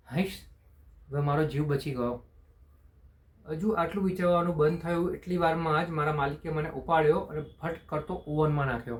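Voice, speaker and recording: Man telling a story, slightly high voice. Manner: slow, unpolished first-person storytelling with restarts. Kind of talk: spoken short story narration.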